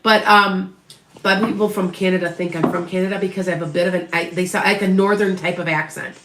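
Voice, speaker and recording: A middle-aged psychic medium from Wisconsin, with an Upper Midwest accent from northwest of Chicago, rambles through a live reading and chats with her viewers, full of restarts and asides. Her voice sits on the low side with fairly even intonation and a slightly quick pace. The audio is reverberant with a noisy background.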